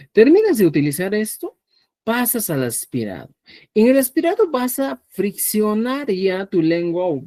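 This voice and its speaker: A man from Peru teaching a live online language class, patiently repeating words slowly so students can hear the pronunciation. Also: sits high, mellow, no room sound. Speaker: Quechua teacher.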